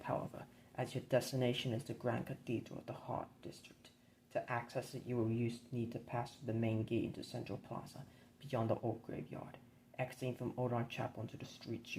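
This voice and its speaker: Man reading grim game narration flatly. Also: medium pitch, slight background noise, poor audio. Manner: measured, grim storybook reading. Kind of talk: scripted narration of a board game campaign.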